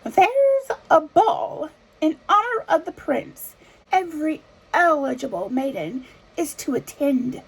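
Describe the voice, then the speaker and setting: A woman voicing a bossy, sly, haughty stepmother in a children's fairy tale read-aloud, with a creaky voice. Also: sits high, animated, slow, heavily acted, poor audio. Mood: haughty announcing.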